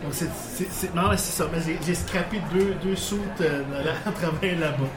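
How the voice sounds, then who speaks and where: Over music, this man speaks at a moderate pace in a somewhat high voice, his Quebec French accent clear. He's a guest of Portuguese descent based in Quebec, recounting work anecdotes loosely, restarting often and laughing, during a casual interview staged live in a bar. The room echoes and there's background noise.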